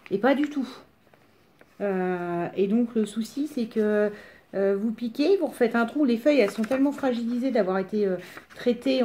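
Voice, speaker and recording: A woman with a smoker's rasp chatting casually through a craft demonstration in a rambling, self-deprecating way. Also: mid-range voice, darkish tone, slight background noise. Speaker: craft tutorial presenter.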